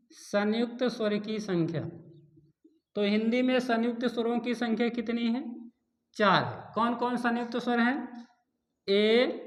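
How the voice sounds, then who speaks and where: Echoey man teaching a repetitive grammar lesson. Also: extremely high pitch. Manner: repeats key terms slowly, asks and answers own questions. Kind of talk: Hindi grammar lesson for exam students. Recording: echoey room.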